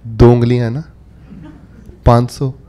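A man voicing a deadpan middle-aged father who bargains like a stingy businessman, speaking low and flat, over loud background noise. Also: unhurried, lightly acted.

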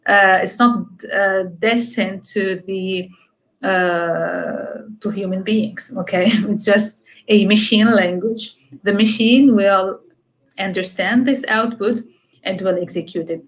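A woman's voice: mid-range voice, fairly even intonation, slow pace, rough recording. Young woman giving an online tech talk. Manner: explanatory, many fillers and "okay?" check-ins. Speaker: conference speaker. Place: home room, video call.

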